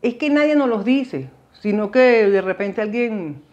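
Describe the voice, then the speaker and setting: This host, a middle-aged woman with a Venezuelan accent, shares her migration story in a conversational, wandering monologue aimed directly at viewers. She films in a small room against a dark backdrop. Her fairly high voice is animated, unhurried, and a little mellow, and the audio is dull.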